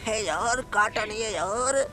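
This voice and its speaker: A man's voice: high voice, measured pace, bright, forceful tone. A man doing a whiny little cartoon cat. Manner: whiny, pleading, keeps saying brother. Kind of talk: comic fan dub over gameplay.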